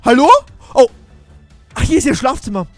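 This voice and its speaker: A man's voice: very high-pitched, lively intonation, moderate pace, dry recording, soft background music. A man giving jumpy, exclaiming commentary on a Minecraft role-play adventure, talking straight to his viewers. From Germany. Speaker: gaming YouTuber.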